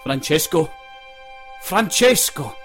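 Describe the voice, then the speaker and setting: A man voicing a wild-haired old master inventor who speaks in grand, booming pronouncements. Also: big pitch swings, takes it slowly, over music. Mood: alarmed.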